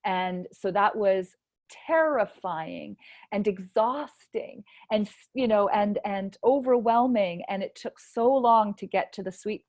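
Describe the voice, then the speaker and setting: A woman author talks on a video call, eager and a little rambling, circling back with restarts as she explains herself. Her voice sits at an ordinary pitch. The audio is dry and close. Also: no echo. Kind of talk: casual virtual book launch talk.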